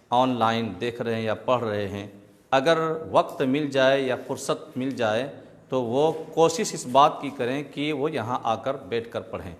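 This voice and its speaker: A man teaching Quran reading to a class, drilling sounds patiently with call-and-response. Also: mid-range voice. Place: classroom with students. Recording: echoey room with loud background noise.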